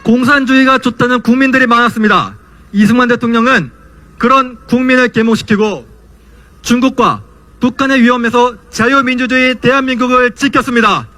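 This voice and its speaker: A young adult man gives a student's political rally speech with passion, declaiming like a protest orator and firing off rhetorical questions. His voice is strikingly high with a forceful, sharp edge, and he speaks a little fast.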